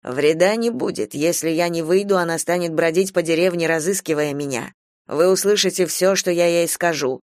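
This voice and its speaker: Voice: mid-range voice, moderate pace, dry recording, clean studio sound, close to an everyday voice. A reader voicing Troy, a young soldier, cool and mocking, in an audiobook. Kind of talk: audiobook character reading.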